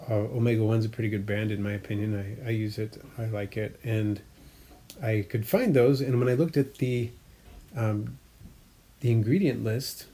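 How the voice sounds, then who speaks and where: A man with a fairly low, dark voice chats casually about his fish tanks as an aquarium hobbyist vlogger. He rambles a little, corrects himself, uses frequent fillers, and explains with lots of hobbyist detail.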